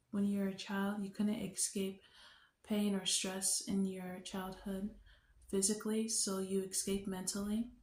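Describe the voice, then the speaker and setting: Woman, young adult, earnest unhurried storyteller, flat delivery, roomy echo. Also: medium pitch. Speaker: vlogger sharing a testimony. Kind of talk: personal faith testimony. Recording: echoey room.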